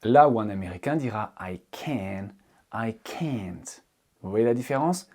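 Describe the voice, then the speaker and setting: A man giving a video lesson, explaining grammar as an English tutor in an expressive teaching voice. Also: fairly low pitch, normal speed. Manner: lively, expressive teaching voice with frequent fillers.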